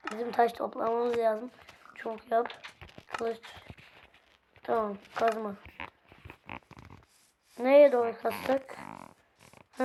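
Hoarse woman chatting over gameplay. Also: fairly high pitch, darkish tone, a little hiss or hum. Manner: chatty, talks to viewers and to game characters. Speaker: gameplay video host. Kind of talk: casual game commentary.

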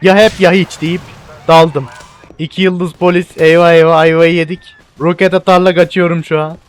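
Young male gaming commentator, high voice, excitable and loud at action moments. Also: moderate pace, clean tone. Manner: excitable, laughing, shouting at game events. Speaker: gaming YouTuber. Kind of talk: gameplay commentary.

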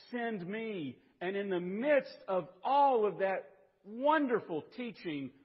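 A man delivers a sermon with a somewhat high voice, taking his words slowly and deliberately. The sound is dull and lo-fi, with a long reverb trailing behind him in the church. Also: breathy edge. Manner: builds from measured reading to raised, emphatic preaching. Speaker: pastor. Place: church sanctuary.

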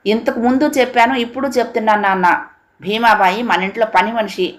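A woman reading aloud, voicing an angry, impatient grown son who argues in a sharp, raised voice. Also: a little high, steady tone, brisk, voice pushed up, lightly acted.

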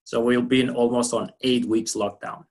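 A man's voice: mid-range voice, flat delivery, normal speed, a little mellow. A young man from Albania asks a question over a video call, hesitant and full of fillers. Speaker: caller asking a question.

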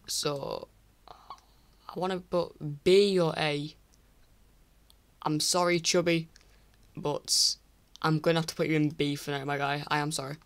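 An English teenage YouTuber ranks online creators in a casual, screen-recorded tier list. His voice is on the high side and croaky from recording late at night, and he rambles, apologizes, and restarts a lot.

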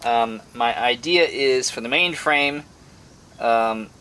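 A man's voice: mid-range voice, slow pace, sharp tone, clean tone. A man talking casually through a bone carving project in his workshop, thinking aloud with frequent fillers. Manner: thinking aloud with many "um"s, upbeat when things work.

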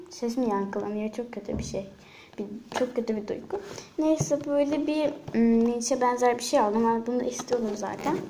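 A high, chatty woman vlogging a toy unboxing in a rambling, self-correcting way. Her voice bounces around a bare room with a strong echo, picked up by a camera propped nearby, with faint hiss underneath. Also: dark tone. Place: room at a relative's home.

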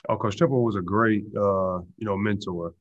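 Young man, low-pitched, easygoing press answers, muffled lo-fi audio. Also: normal speed, no echo. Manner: relaxed, many "you know" and "uh" fillers. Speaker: football player answering press. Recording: dull lo-fi video call audio.

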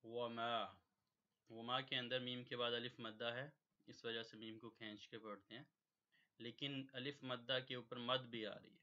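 Man, Quran recitation teacher, tajweed lesson, patient step-by-step explaining, tense bright tone, muffled recording. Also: medium pitch, level tone. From Pakistan. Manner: patient step-by-step explanation, drops in English words. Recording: dull lo-fi recording.

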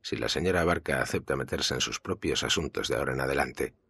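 A man's voice: a bass voice, quick pace, creaky, sharp tone, slightly rough, no echo, clean studio sound, exaggerated voice. A man with a Spanish accent reading a cold, condescending army colonel in an audiobook, with curt lines. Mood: contemptuous. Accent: Spain.

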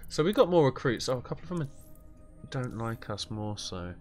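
A man's voice: medium pitch, big pitch swings, normal speed, darkish tone, soft background music. A man casually commentating his gameplay, joking and swearing freely as he reacts. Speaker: gaming streamer.

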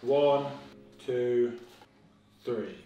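A man's voice: mid-range voice, drawn-out words, distant mic, dull audio. A young man cooking while chatting to the camera, swearing and mocking himself as he goes. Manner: sweary, chaotic, self-mocking running commentary. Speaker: vlogger cooking a dinner-party meal. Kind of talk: casual cooking vlog chat. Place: home kitchen. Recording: echoey kitchen, voice off-mic, faint music.

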